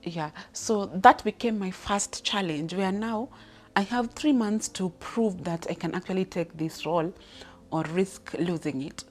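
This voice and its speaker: Over soft background music, a woman in her thirties from Kenya, a leadership speaker, talks off the cuff about her career as a personal story. Her voice sits fairly low and unhurried, and she restarts often and uses many fillers.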